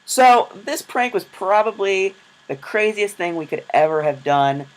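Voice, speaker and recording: A man's voice: sits high, animated, heavy background noise. A young man narrating his travel vlog in a casual, self-deprecating storytelling voice-over. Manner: chatty, self-deprecating, quick asides. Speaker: vlogger.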